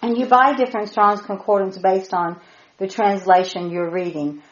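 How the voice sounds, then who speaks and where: A woman's voice: mid-range voice, fairly even intonation, a crowd in the background. Middle aged woman teaching bible study, hammers words over and over, dull lo-fi sound. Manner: emphatic, repeats key words with slow stress. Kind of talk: Bible teaching to a small group. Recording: roomy, dull lo-fi recording.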